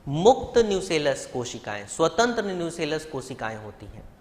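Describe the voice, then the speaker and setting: A man whose voice is on the high side, very animated and darkish in tone, teaches a live online biology class at normal speed, sounding as if he's in a large hall. He explains step by step, poses rhetorical questions, and speaks to his students directly and fondly.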